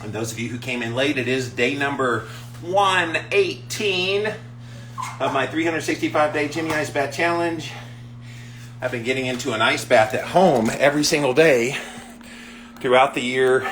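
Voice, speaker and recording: A man vlogging live in a casual, upbeat way, talking to his viewers in halting short phrases. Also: medium pitch, a bit bright. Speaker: vlogger livestreaming a daily ice bath challenge. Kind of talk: casual chat to livestream viewers. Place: villa on vacation, in and around bathroom. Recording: background noise, sometimes echoey small room.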